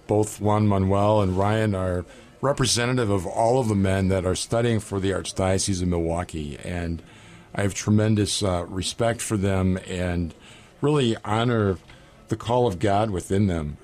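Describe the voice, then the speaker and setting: A man with a fairly low voice hosts a radio talk show as a seminary rector. He speaks in a measured, earnest manner, introducing guests and asking questions in a studio setting. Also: a little mellow.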